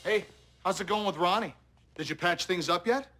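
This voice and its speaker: A man's voice: high voice, moderate pace, over loud music, lightly acted. An actor playing a busy, forgetful grown-up rich father in a TV sitcom, with a breezy delivery. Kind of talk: TV sitcom acting.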